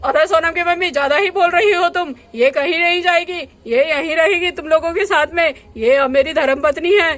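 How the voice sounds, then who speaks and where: Brief: a defensive, insistent husband in a doll storybook, voiced by a woman, high-pitched. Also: moderate pace, hardly any pauses, fairly bright tone. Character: stubborn husband who remarried.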